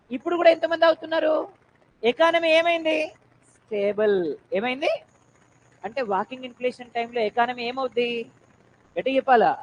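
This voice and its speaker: A female economics teacher with a Telangana Telugu accent lectures her class, quizzing students, urging them to answer loudly, and mixing English terms into her speech. Her voice is high-pitched, and the poor recording carries slight background noise.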